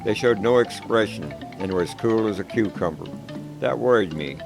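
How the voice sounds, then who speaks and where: Calm and measured, a man with a very deep voice narrates a story about himself in plain language. Music can be clearly heard beneath his words throughout the recording.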